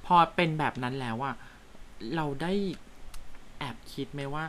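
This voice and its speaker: A woman co-hosting a relaxed podcast chat, drawing out her guest with questions and quick agreement. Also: low-pitched, slight background noise. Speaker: co-host.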